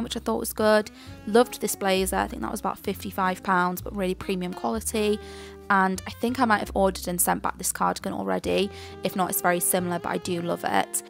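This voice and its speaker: A woman's voice: mid-range voice, vocal fry. A young woman vlogging in a chatty, gushing way, talking in her car and then over shopping clips. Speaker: lifestyle vlogger. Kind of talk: casual vlog chat and shopping voiceover.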